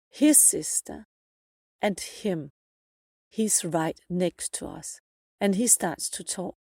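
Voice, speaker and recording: A woman hosting a podcast, her voice low and gravelly with a mellow, dark tone. She retells a personal spiritual experience earnestly, in the present tense, circling back to repeat her phrases. The sound is close and dry, with no room echo. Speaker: podcast host.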